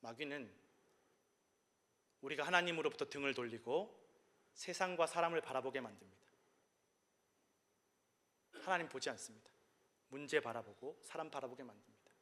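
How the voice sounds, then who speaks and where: A man's voice: medium pitch, moderate pace, long pauses, a bit bright, big-room sound. A male pastor delivering a sermon in an emphatic, repetitive preaching cadence.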